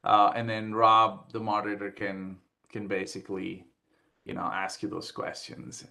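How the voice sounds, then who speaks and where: Bright-voiced man running a video call. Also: fairly low pitch, flat delivery, vocal fry. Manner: helpful, slightly halting with restarts. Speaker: event organizer. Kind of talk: casual video-call chat. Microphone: computer mic on a video call.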